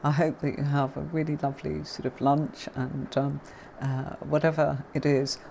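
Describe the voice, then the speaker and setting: A middle-aged woman with a notably low voice hosts a tarot live stream. She chats in a relaxed, grateful way and greets her followers by name. A faint background noise sits under her voice. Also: moderate pace, vocal fry. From father is Irish. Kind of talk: casual live-stream chat with viewers.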